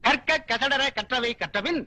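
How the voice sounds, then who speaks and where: A man's voice: very high-pitched, a little slow, sharp tone, heavily acted. An actor playing a sarcastic, exasperated male college lecturer in a 1990s comic film scene. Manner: sarcastic, theatrical.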